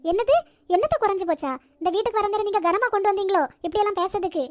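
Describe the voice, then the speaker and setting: A woman doing a shrill, sarcastic, grasping housewife. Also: rapid-fire, dry recording. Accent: Nagercoil Tamil. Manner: sarcastic, complaining. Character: sharp-tongued, grasping middle-aged housewife. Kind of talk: cartoon voice acting.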